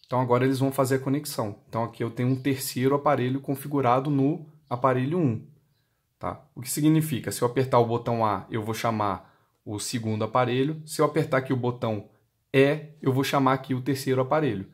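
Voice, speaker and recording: This product demonstrator for a motorcycle intercom company has a Brazilian accent and a medium-pitched, steady voice delivered fast. He goes step by step, raising questions and answering them himself.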